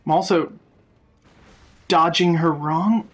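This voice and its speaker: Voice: medium pitch, takes it slowly. A player giving casual gameplay commentary, offhand and often muttering while concentrating on the game. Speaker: video game streamer.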